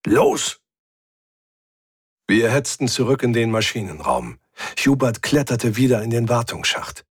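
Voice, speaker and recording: A man's voice: very animated, normal speed, breathy edge, no room sound, clean studio sound. A man narrating a first-person science-fiction audiobook, reading with tension and lifting his voice for the characters. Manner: tense, voices characters by pitching up.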